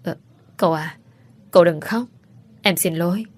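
A woman's voice: lowish voice, moderate pace, no room sound, lightly acted. Woman narrator as a fearful pregnant young wife, pleading, dry close read. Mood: frightened.

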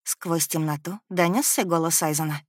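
A woman narrating a first-person audiobook in a measured, emotive reading. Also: lowish voice, fairly even intonation, no echo, studio quality.

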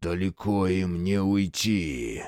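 A man's voice: sits low, expressive, takes it slowly, darkish tone, clean tone, dry recording, clean studio sound. A man voicing a hot-tempered, brutish male security chief in an audiobook, barking orders. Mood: angry.

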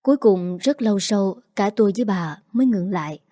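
A woman narrating a first-person audio story in a measured, emotional manner. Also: mid-range voice, lively intonation, mellow, no echo, clean studio sound.

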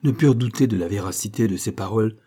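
A man reading an adventure novel aloud in a measured, dramatic storytelling manner. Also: on the low side, mellow, husky. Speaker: audiobook narrator. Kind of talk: scripted narration.

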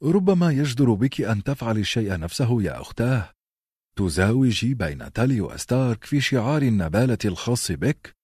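A man's voice: medium pitch, sing-song, a little fast, a little mellow, husky, dry recording, clean studio sound, voice pushed up. A man voicing a wry, sardonic teenage boy in an audiobook. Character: dry, wry teenage bastard brother.

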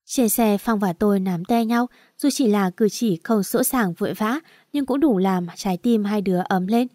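A woman telling a first-person story as narrator in a steady, even way. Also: mid-range voice, moderate pace, no room sound, clean studio sound.

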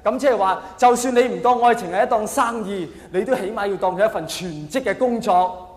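This Hong Kong Cantonese-accented comedian talks fairly quickly in a high voice during a live stand-up set. Theatrical throughout, he voices quoted characters and asks the audience rhetorical questions, recorded in an echoey hall with long reverb and faint noise.

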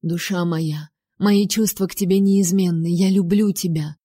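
Brief: woman reader voicing a king, hoarse and pleading, low voice, dry close recording. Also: steady tone, unhurried, warm tone, dry recording. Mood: insistent. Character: remorseful king, insistent and passionate.

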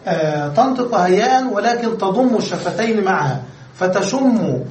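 A man gives a classroom grammar lecture, breaking each rule into steps and pausing to ask his students questions. His voice sits high. He is recorded from across an echoey room with faint ambient noise. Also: expressive, a little mellow, far from the mic. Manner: explains step by step, asks the class questions. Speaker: Arabic grammar teacher.

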